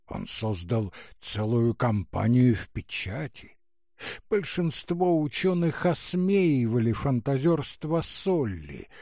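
Slow, expressive male audiobook narrator. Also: mid-range voice, dry recording, studio quality. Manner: unhurried, expressive storytelling. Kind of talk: scripted narration.

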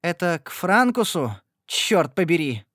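A man's voice: high voice, big pitch swings, measured pace, fairly bright tone, dry recording, studio quality, voice pushed up, heavily acted. A man voicing a defiant young peasant woman who answers her father sullenly.

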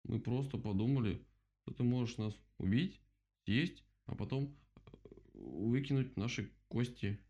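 A man's voice: mid-range voice, expressive, unhurried, mellow, pitched above the performer's own voice. A man voicing a shy, embarrassed male mole who talks hesitantly. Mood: sheepish.

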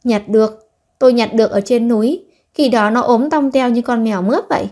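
A woman's voice: fairly high pitch, dark tone. A woman voicing a humble, grieving older man. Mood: tender. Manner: slow and humble.

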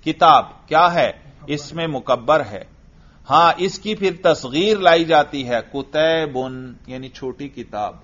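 A man's voice: a little high, fairly bright tone. A man teaching grammar in a classroom, quizzing and patiently praising a student. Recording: dull lo-fi recording.

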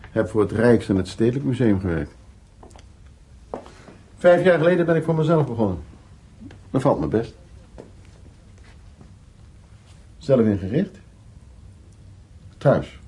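Playing a confident, worldly and flirtatious middle-aged art restorer, the male actor keeps his phrases short, familiar and unhurried in this naturalistic radio drama. His medium-pitched voice is husky and warm, with expressive delivery. There's an easy confidence to him.

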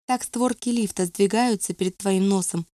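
A woman calmly narrating an audiobook. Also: mid-range voice, moderate pace, dry recording. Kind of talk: scripted narration.

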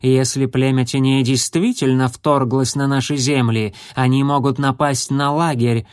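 A man voicing a grumpy old female healer cat, speaking slowly and sternly. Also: mid-range voice, little pitch movement, smooth, no room sound, clean studio sound, natural voice. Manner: slow, stern and scolding.

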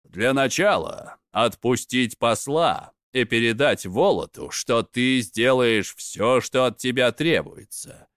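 A man reading a fairy tale aloud and voicing a sly, scheming male god of the underworld who gives mocking advice in an unhurried way. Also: mid-range voice, expressive, a bit bright, clean tone, no echo, clean studio sound.

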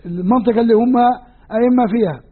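High-voiced husky Levantine lecturer. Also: male voice, very fast. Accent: Levantine Arabic. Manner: patient, repeats and counts points aloud with listeners. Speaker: Quran lecturer. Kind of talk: explanatory religious lesson. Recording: tinny lo-fi lecture recording.

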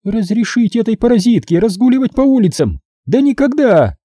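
A shrill, sadistic young woman kidnapper, as a man puts her on in an audiobook, taunting in a high, swooping voice. Her tone stays husky and dark underneath, recorded dry and close. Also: very animated, a little fast, no echo, exaggerated voice. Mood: gloating. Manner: shrill, gloating, hissing. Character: sadistic young female kidnapper, gloating fanatic. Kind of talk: audiobook character voice.

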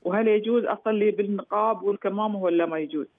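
Phone caller, female, rapid, halting explanation, thin phone-line sound. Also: medium pitch, no echo. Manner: hesitant, restarts often while explaining. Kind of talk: phone call to a radio show.

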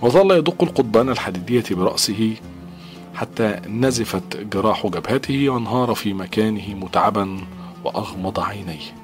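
A man narrating an audiobook novel with a measured, dramatic delivery. His voice is low, and faint music plays underneath.

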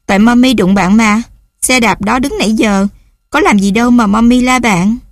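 Woman doing a high pleading toddler. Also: moderate pace, dry recording, clean studio sound, lightly acted. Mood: matter-of-fact. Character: toddler child, three years old, upset and pleading.

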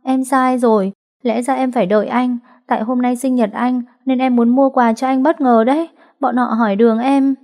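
A woman voicing a sweet six-year-old girl who talks in a high, childlike, pleading way. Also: a little fast, warm tone, natural voice. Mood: tearful. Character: sweet little girl about six, tearful.

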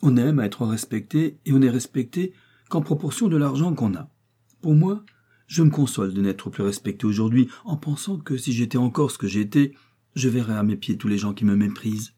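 A man's voice: medium pitch, lively intonation, mellow, slightly rough. A man reading an audiobook voices a fawning older lady, once rich, who eagerly agrees about wealth. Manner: eager, ingratiating, quick to agree.

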